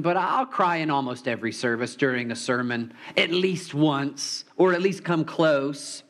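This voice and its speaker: A man preaching a heartfelt sermon in a church, speaking in a fairly high voice. He is openly emotional and tells a story gently. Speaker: pastor.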